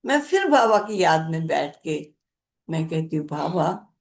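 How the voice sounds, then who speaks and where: An older woman gives a spiritual talk at an unhurried, drawn-out pace. Her low voice carries a gravelly edge. She tells a personal story gently, as a teacher to her listeners. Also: very animated. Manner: slow, gentle recounting of a personal experience.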